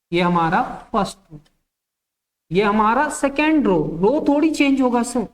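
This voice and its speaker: A woman teaching a maths class at an unhurried, deliberate pace. She works through the material one step at a time, asking the class short questions and then giving the answers herself. She repeats each key term so that it sticks. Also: medium pitch. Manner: slow, step-by-step dictation.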